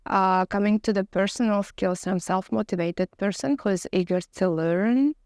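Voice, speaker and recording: A woman's voice: mid-range voice, normal speed, a little mellow, no echo, studio quality. A woman answering as a candidate in a mock technical job interview, speaking formally and hesitantly, with some nerves.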